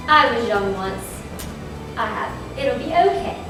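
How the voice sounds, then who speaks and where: A woman playing a kindly, welcoming older innkeeper in a 1940s-style radio play, with folksy, drawn-out lines. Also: a little high, lively intonation. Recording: echoey, distant, loud music behind.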